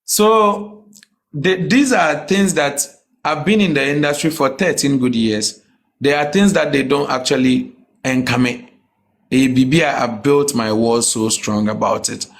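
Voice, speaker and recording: A man with a Ghanaian West African accent talking casually and emphatically as an interview guest. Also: medium pitch. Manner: emphatic, often checks the listener understands; mixes English with a Ghanaian language. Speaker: comedian, podcast guest.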